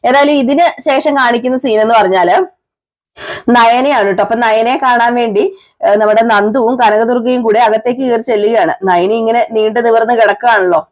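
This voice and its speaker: This is a woman with a voice pitched a little high, talking through a TV serial episode in a relaxed way. Her delivery is chatty and conversational, like someone telling a friend what happened. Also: normal speed. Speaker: TV serial reviewer. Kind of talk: casual retelling of a TV episode.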